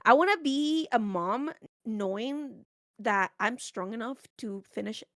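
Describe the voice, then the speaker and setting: A young woman guest on a stream, chatting casually, playful and quick to laugh. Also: on the high side, fairly bright tone, no room sound, clean studio sound. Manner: laughs a lot, playful and teasing.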